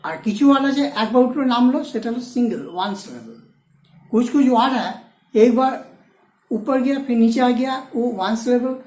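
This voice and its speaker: A woman's voice: fairly high pitch, animated, a little mellow. Woman teaching, echoey room. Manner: explains slowly, mixing Hindi with Bengali and English terms. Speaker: stenography teacher. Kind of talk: classroom lesson.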